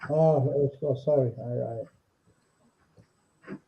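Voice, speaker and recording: A man chatting on a video call, halting and searching for words in non-native English. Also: on the high side, fairly even intonation, mellow. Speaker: guest on a livestream. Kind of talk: casual chat. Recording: dull lo-fi call audio.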